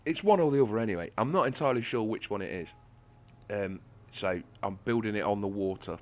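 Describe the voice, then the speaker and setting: Man, lowish voice, wry self-mocking game commentary, slight lisp from toothache. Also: a little fast. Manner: sarcastic, self-mocking, rambling. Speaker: gaming channel host. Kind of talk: gameplay commentary.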